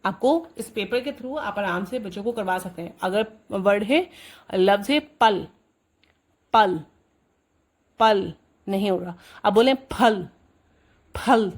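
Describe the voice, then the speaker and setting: A woman teaching parents a writing activity for children. She keeps asking a quick "okay?" and says sample words slowly and firmly, repeating them. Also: medium pitch. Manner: checks in often with a rising question. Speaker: homeschooling mom teaching Urdu writing. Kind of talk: instructional tutorial addressing parents.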